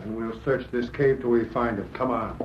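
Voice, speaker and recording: An actor playing a bossy, scheming crook in an old-time radio adventure, gloating and snapping out orders. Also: male voice, mid-range voice, moderate pace, lo-fi sound, close to an everyday voice. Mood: commanding. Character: scheming, edgy male fur-swindling villain, bossy boss. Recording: noisy, band-limited vintage radio recording.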